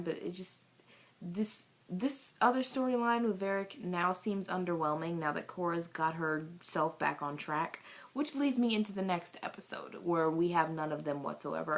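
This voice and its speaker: A young woman reviewing a cartoon episode from her bedroom in a rambling, gushing way, full of ums and sudden excited outbursts. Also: on the low side. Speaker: video reviewer. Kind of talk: casual vlog review.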